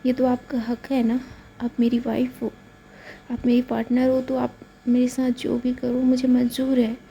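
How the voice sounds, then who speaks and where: A woman's voice: a little high, monotone, a little slow, dull audio, a little hiss or hum. Woman voicing a tender, soothing young wife. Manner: soothing, coaxing.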